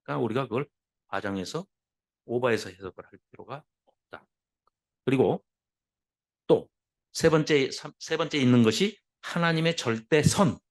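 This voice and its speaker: A man lecturing a Bible class, lively and full of rhetorical questions put to his listeners. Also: mid-range voice, moderate pace, pauses often.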